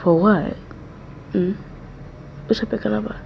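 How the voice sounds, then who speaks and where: Brief: woman, whispered role-play as caring friend, gravelly soft voice, dull lo-fi mic with faint hiss. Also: medium pitch, fairly even intonation, slow. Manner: soothing, repeats comforting words, soft and close. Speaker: ASMR role-play creator.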